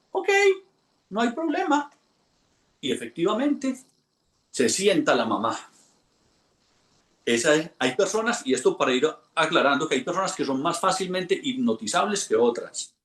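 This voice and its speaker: A man, an instructor telling a lively anecdote to a class and acting out the voices in it. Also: fairly high pitch, reverberant. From Colombia. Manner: animated storyteller, acts out quoted voices. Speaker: hypnosis instructor.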